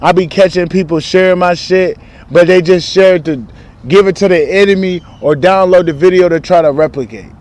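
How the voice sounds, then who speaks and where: A man's voice: sits high, fairly quick, darkish tone. A man talking in a casual spiritual vlog, rambling and candid, full of profane street slang, recorded outdoors. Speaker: spiritual vlogger.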